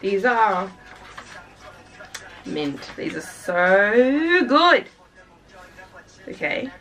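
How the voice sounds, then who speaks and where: A woman's voice: medium pitch, big pitch swings, extremely slow, fairly bright tone, far from the mic, low-quality recording. A young woman from Australia gushing and chatting casually while unboxing albums for her vlog, full of fillers and sighs. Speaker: K-pop reaction vlogger.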